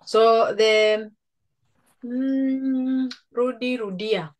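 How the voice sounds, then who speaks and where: Middle-aged woman from Tanzania, Swahili tutor; patient, coaxing delivery at a slow, even pace. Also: fairly high pitch. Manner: patient, coaxing, affirming with frequent mm-hmm. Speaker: Swahili teacher. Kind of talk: one-on-one language lesson.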